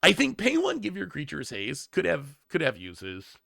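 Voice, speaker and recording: Reviewing card spoilers on a casual livestream, a man thinks aloud and repeats words often, his voice worn and fading from congestion. It's fairly high, creaky, bright and forceful, with huge pitch swings at normal speed, in clean, echo-free studio sound.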